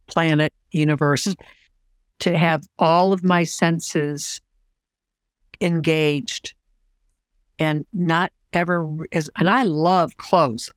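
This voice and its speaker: A woman in her sixties, a social worker and counselor, talking as an interview guest in an enthusiastic, expressive way. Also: deep voice, no echo, studio quality. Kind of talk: casual conversation.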